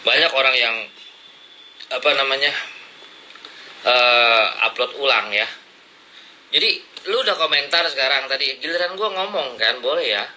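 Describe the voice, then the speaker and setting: A man's voice: medium pitch, lively intonation, normal speed, pauses often, sharp tone, slight background noise, rough recording. A man ranting at his critics in blunt, confrontational slang, lecturing them from his seat. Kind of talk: heated casual rant to camera. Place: seated indoors, smoking and drinking coffee.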